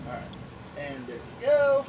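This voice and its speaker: A man's voice: very high voice, moderate pace. A man hosting a casual gaming chat, joking and teasing his friends. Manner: joking, animated, swears freely. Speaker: host. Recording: distant mic with background noise.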